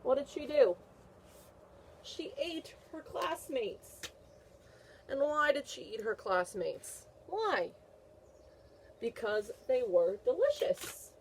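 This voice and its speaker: A woman teacher reads a picture book aloud to a class of young children, posing comprehension questions and animatedly repeating questions and answers as teachers do. Her voice sits high and moves at a slow pace with frequent pauses, and she encourages and praises her listeners over a little hiss or hum.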